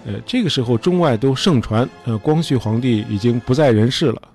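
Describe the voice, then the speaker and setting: Male history host, mid pitch, slightly husky, relaxed storytelling with frequent fillers. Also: brisk, faint music behind. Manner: chatty, many fillers like "呃" and "哎".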